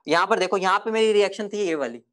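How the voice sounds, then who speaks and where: Male teacher, classroom lecture, repeats himself, hushes students. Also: sits high, fast talker. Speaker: chemistry teacher.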